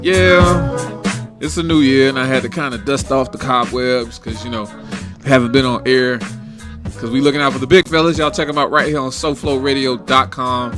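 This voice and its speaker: A man hosts a casual internet radio show in a relaxed, hyped style of banter. His voice sits at an ordinary pitch for a man. A music bed plays clearly underneath. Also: normal speed.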